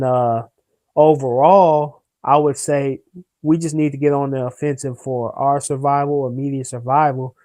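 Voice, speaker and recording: A man's voice: mid-range voice, dark tone, dry recording, poor audio. Earnest young man with a dry sound. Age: young adult. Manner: earnest, preachy and rambling, heavy on slang. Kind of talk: casual discussion.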